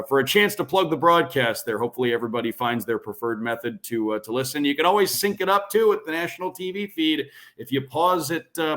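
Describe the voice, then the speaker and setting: This man, a radio play-by-play broadcaster, talks fluently and like an announcer while guesting on a casual podcast interview. His voice sits on the low side and is a bit bright.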